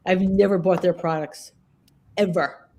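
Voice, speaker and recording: A woman's voice: on the low side, steady tone, measured pace, warm tone, slight background noise. A woman who works as a groomer and educator, telling stories in casual conversation and often checking in with "okay?" and "all right?".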